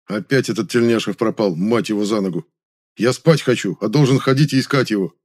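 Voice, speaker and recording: A man's voice: on the low side, fairly quick, a little mellow, lightly acted. A man voicing a stern, tired Soviet official who barks curt, irritable orders. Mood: irritated. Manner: barking, curt.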